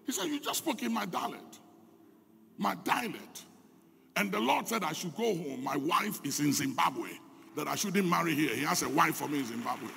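A Ghanaian man preaching a fervent sermon as pastor, his delivery swelling into shouts, in an echoey church hall. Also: fairly high pitch, expressive, normal speed, gravelly, a little hiss or hum.

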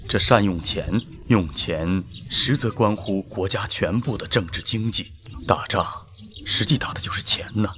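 Cautious court general for historical TV drama: deep voice, careful formal delivery, respectful. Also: male voice, a bit bright. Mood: earnest, measured. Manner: measured, deferential, formal. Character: humble, cautious male general serving his emperor.

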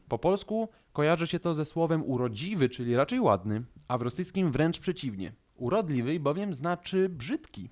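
A man with a Polish accent teaching a language lesson, calm and methodical, slowing down to stress key words. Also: mid-range voice.

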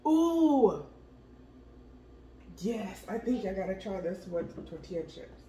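A woman vlogger chatting casually while tasting food, excited and drawn out. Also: mid-range voice, takes it slowly, slight background noise. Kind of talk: casual chat. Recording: echoey room with faint ambience.

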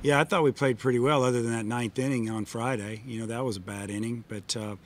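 Postgame press conference answers come from a middle-aged baseball coach, his mid-range voice fast with fairly even intonation. He responds to reporters plainly and with lots of fillers, speaking into a table mic in a press room in front of a sponsor backdrop.

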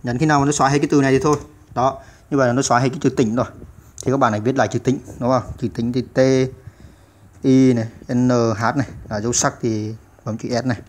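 A man's voice: mid-range voice, steady tone, very fast. A man hosting a computer typing tutorial, explaining step by step with many "à" fillers. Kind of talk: step-by-step screen-recorded tutorial.

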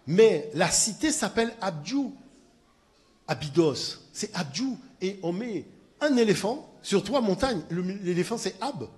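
A man gives a conference talk, pressing his points with emphatic repetition and frequent checks that his audience is following. His voice sits fairly high for a man. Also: lively intonation, a little slow, darkish tone. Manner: emphatic, repeats "voyez" to engage listeners. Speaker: speaker at a conference. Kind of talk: lecture with audience discussion.

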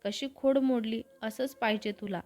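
A woman's voice: fairly high pitch, fairly even intonation, moderate pace, darkish tone, faint music behind, close to an everyday voice. Woman reading as cocky young man Sagar. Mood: teasing. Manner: teasing, boastful.

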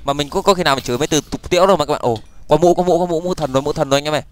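Fast-talking excitable young man gamer. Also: fairly high pitch. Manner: rapid, excitable, frequent stammered repeats and exclamations. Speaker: gaming YouTuber. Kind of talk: Minecraft let's play commentary.

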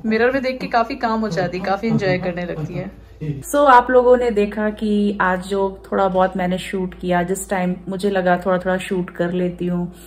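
A woman's voice: mid-range voice, steady tone, moderate pace. A young woman chatting casually through a home vlog, slipping English into her talk. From India. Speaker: vlogger.

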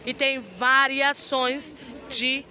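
Speaking extremely slowly in a high, bright, forceful voice with little pitch movement, a Brazilian Portuguese–accented woman shows off market clothes for her shopping vlog. Her patter is enthusiastic and full of praise. The night street market around her is busy, with loud traffic and street noise.

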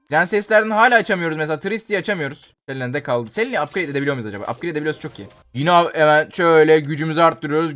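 A young Turkish man commenting on his own Roblox gameplay as a channel host. He switches between chatty running commentary and loud panicked yelling. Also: a little high. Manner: jumps into loud panicked yelling when dying.

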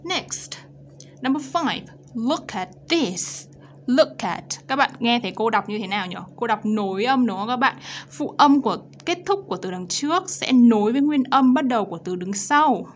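A woman with a Vietnamese accent leads a pronunciation lesson with a fairly high voice. She reads model sentences slowly and deliberately. The recording sounds dull and lo-fi. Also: animated, a little hiss or hum. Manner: slow, exaggerated reading of model sentences. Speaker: English teacher.

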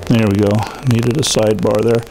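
Fairly low-pitched and flat, this older man talks fairly quickly against a noisy background. He's a guest speaker at a library, delivering a loose, rambling informal lecture to a seated crowd, full of fillers and restarts, walking the room on a lapel mic and mentioning that his voice is loud.

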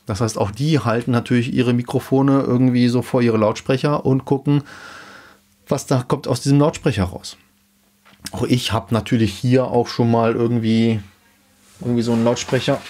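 A man in his thirties explaining gear in a casual home-studio vlog, relaxed with many fillers, into a dynamic studio mic. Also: medium pitch. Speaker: YouTube host explaining car audio gear. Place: small home studio room indoors. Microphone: dynamic studio mic in front of him.

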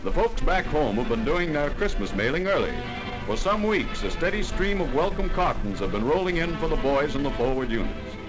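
A man narrates an old wartime newsreel in a jaunty, punchy manner, tossing in wisecracks. His pitch sits a little high and swings widely. Music plays clearly behind him. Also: big pitch swings, brisk, rough recording. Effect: old newsreel voice-over.

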